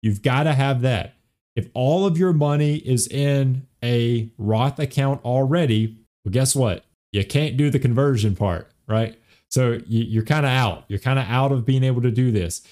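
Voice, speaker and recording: A man's voice: mid-range voice, normal speed, a little mellow. A young man hosting a finance podcast, explaining retirement accounts step by step and checking in with the listener as he goes. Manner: repeats key points, checks in with "okay?" and "right?".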